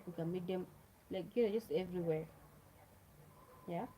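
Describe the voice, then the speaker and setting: A Kenyan woman whose first language is Luo hosts a livestream, chatting casually and directly to her viewers and repeating herself. Her lowish, dark-toned voice moves at a normal speed, and the low-quality recording carries a little hiss or hum.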